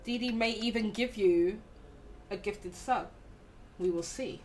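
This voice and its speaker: A woman hosting a livestream chats in a teasing, affectionate way and laughs often. Her pitch sits in a middling range. A faint hiss runs under her voice. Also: measured pace. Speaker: streamer host. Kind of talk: casual stream chat.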